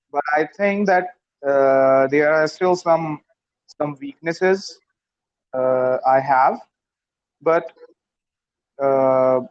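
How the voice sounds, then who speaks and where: Male English learner from Pakistan, slightly high voice, halting and filler-heavy, dull video-call sound. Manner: hesitant, many fillers and restarts. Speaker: student. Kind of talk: online English practice conversation.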